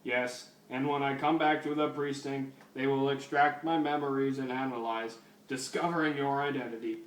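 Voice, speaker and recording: A man voicing a stiff, literal-minded male cyborg cop who talks flatly in broken grammar, recorded at a distance in a roomy space. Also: mid-range voice, moderate pace, natural voice. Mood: matter-of-fact. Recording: roomy, distant mic, faint noise.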